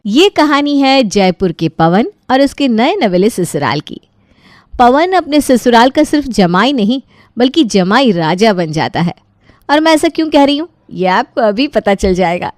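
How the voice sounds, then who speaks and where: A woman's voice: medium pitch, darkish tone, no room sound, studio quality. A woman narrating a cartoon family story in a chatty way, speaking to the listeners. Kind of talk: scripted narration.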